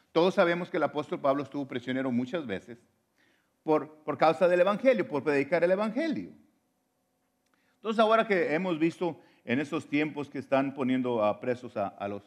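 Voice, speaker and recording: Earnest preacher, direct and fervent. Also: male voice, a little high. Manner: earnest, direct address to listeners, restarts words often. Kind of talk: sermon.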